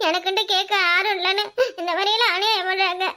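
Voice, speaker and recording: A shrill, bickering village wife from a cartoon comedy, voiced by a woman, speaking in a southern Tamil village dialect. Her voice sits very high and bright, and she rattles off complaints at a fast clip, scolding and fussing without pause. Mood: pleading. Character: loud squabbling village women, fussy and complaining. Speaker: voice of quarrelling village women.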